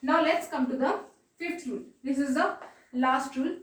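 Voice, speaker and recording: A woman teaching a grammar lesson, patiently repeating points and checking in with quick questions. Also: high voice, far from the mic. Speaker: exam-prep English teacher. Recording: echoey room, voice set back from the mic.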